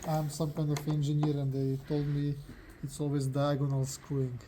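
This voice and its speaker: Higher-pitched man, faint background noise. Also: completely flat delivery, normal speed, dark tone. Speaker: vlogger doing hands-on assembly. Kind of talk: casual explaining chat.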